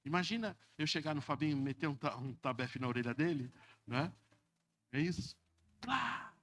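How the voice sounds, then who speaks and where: A man's voice: medium pitch, brisk. A man in his fifties with a Brazilian Portuguese accent, preaching a sermon as pastor, calling out "Amém?" and mimicking people in funny voices. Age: 50s. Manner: lively preaching, mocking voices, repeated "Amém?".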